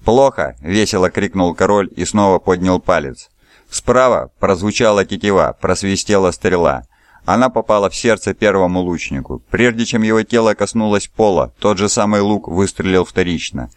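A man reading an audiobook in steady, scripted narration. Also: low voice, moderate pace, no room sound, clean studio sound. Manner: steady storytelling. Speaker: audiobook reader.

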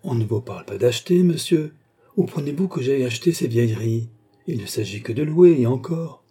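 A man's voice: mid-range voice, normal speed, warm tone, slightly rough, natural voice. A man reading aloud and voicing a haughty noble countess who bargains imperiously. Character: haughty proud noble countess, adult woman.

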